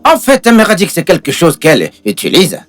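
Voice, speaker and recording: A woman's voice: on the low side, huge pitch swings, fairly quick, soft background music. A woman playing a brash, stubborn, bumbling village helper in a dubbed film drama, rambling and insistent with many interjections. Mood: insistent, coaxing.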